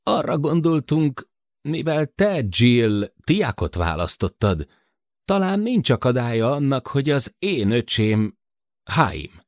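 A man voicing a young man who asks a favor in a halting, embarrassed way, in a spoken audiobook. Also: mid-range voice, sing-song, no echo, studio quality, voice pushed up. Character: hesitant young man, awkwardly asking a favor.

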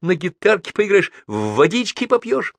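A man voicing a gentle, older male expedition leader who coaxes a raving colleague. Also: high-pitched, very animated, normal speed, creaky, no echo, voice pushed up, exaggerated voice. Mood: coaxing. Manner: coaxing, gentle.

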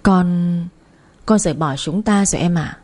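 A woman's voice: lowish voice, unhurried, mellow. A woman voicing a young husband who apologizes hesitantly with his head bowed, in an audio story. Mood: apologetic.

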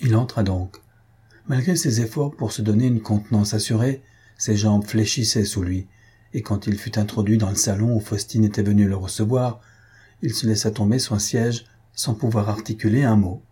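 Low, husky male audiobook narrator. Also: fairly even intonation, warm tone. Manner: measured, literary. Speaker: audiobook reader. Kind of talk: scripted narration.

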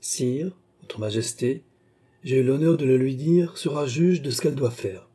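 A man's voice: medium pitch, normal speed, warm tone, husky, pitched above the performer's own voice, natural voice. A man reading an audiobook who voices a respectful, earnest veteran admiral, formal and pleading before his king. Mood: deferential. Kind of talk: audiobook character voice.

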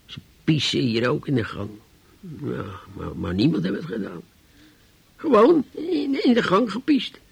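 An actor playing a bitter, sleepless old man in a radio play monologue, halting and repeating words, flaring into indignation. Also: fairly high pitch, sing-song, gravelly, slightly rough, no room sound, heavily acted, poor audio. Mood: indignant.

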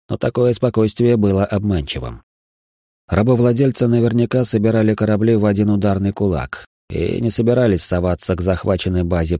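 Male audiobook narrator, first person, measured; low, dark and dry. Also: no echo.

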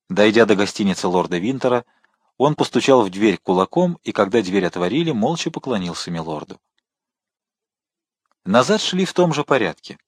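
A man reading a classic novel aloud as an audiobook narrator, in even, unhurried storytelling. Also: lowish voice, dry recording, clean studio sound. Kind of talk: scripted narration.

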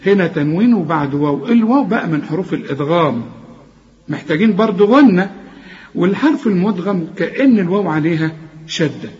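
A man with an Egyptian accent teaching Quran recitation, stopping a student to correct each sound and modelling words slowly, often exasperated. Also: high-pitched, lively intonation, a little mellow, muffled recording. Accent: Egyptian Arabic. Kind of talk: tajweed lesson correcting a student.

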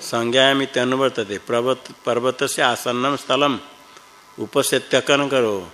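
A man teaching Sanskrit grammar in a class, reciting rules slowly and patiently quizzing his students. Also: medium pitch, steady tone, a bit bright, soft background music, rough recording.

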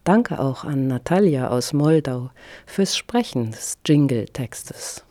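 A woman presenting a community radio show, reading her script in a calm, measured way. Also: extremely low pitch, no echo. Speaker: radio host.

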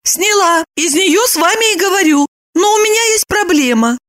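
A woman reading an audiobook and voicing an excitable young woman who quickly turns indignant. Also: very high voice, voice pushed up. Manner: quick to flare up, exclamatory. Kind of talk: audiobook character voice.

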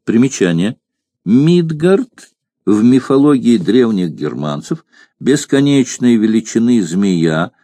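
A man narrating an audiobook in a measured, expressive reading. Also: lowish voice, no room sound, clean studio sound.

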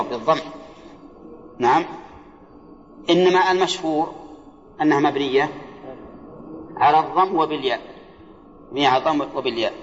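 A man teaching Arabic grammar in a classroom lecture, often stopping to quiz his listeners with quick questions. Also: fairly high pitch. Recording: dull, echoey lecture hall recording.

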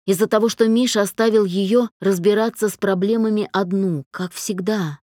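A woman narrates a novel in an even, expressive storytelling voice. Her pitch is mid-range and the recording is dry and close. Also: moderate pace, no echo. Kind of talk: audiobook narration.

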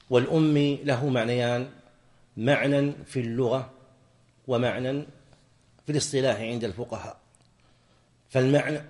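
A man teaching a classroom lesson on religious law, explaining point by point and quizzing his students with quick questions. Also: mid-range voice, a little mellow. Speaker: sheikh teaching jurisprudence.

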